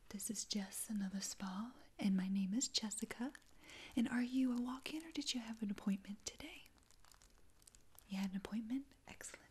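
A young woman in a whispered role-play as an attentive, reassuring spa attendant, speaking softly and close up. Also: fairly high pitch, husky. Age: young adult. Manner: soft-spoken, attentive, reassuring customer-service talk. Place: small dim indoor room.

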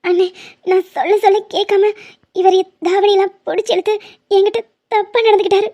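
A woman's voice: very high-pitched, level tone, fairly quick, mellow, highs cut off. A woman voicing a young woman obsessed with love in a cartoon, pleading and insistent. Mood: accusing.

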